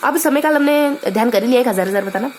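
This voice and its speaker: A woman's voice: high-pitched, fast talker, slight background noise. A young woman teaching a casual lesson, chatty and playful, thinking aloud with many fillers and memory tricks. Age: young adult.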